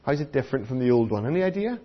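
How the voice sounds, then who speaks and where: A man's voice: medium pitch, very animated, rapid-fire, muffled recording. A British man giving a children's sermon, teaching like a kids' presenter with simple questions put to the listeners. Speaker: preacher giving a children's talk. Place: church.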